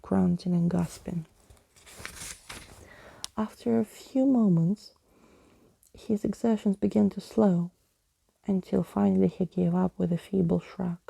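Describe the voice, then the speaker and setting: In an ASMR-style narration, a woman tells a story close to the microphone, her soft, breathy, mid-range voice often slipping into a whisper. The recording is dry.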